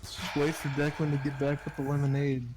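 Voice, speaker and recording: Brief: blunt, insistent co-host, slightly high voice. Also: male voice, completely flat delivery, brisk, noisy background. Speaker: podcast co-host. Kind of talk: casual chat.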